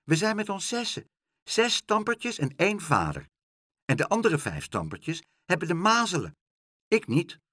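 A man voicing a small lost boy in a children's story, speaking in a high childlike chirp with a slightly husky tone. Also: huge pitch swings, moderate pace, pushed and bright, dry recording, studio quality, heavily acted. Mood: eager. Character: small lost boy, tearful then cheerful.

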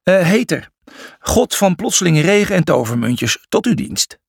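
A man's voice: high-pitched, very animated, a little slow, gravelly, breathy edge, no echo, clean studio sound, voice pushed up, heavily acted. A man voicing a nervous young hoofed animal. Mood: awkward. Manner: hesitant, stammering.

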